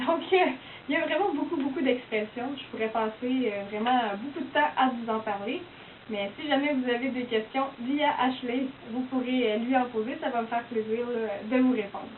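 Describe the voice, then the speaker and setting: A young woman with a high, light voice and a Québécois French accent talks in a casual, chatty way, filling her sentences with "donc" and "euh." She sounds some distance from the mic in an echoey room. The sound is thin and phone-like, with a faint hiss underneath. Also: normal speed. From Quebec. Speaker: university student explaining her dialect. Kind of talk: casual explanatory talk.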